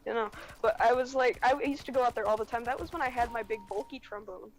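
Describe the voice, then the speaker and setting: A woman's voice: fairly high pitch, steady tone, fast talker, rough recording. A teenage girl, casually telling a long school story while streaming a game, swearing freely and acting out what people said. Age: teens. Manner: rambling, swears freely, quotes people in dialogue.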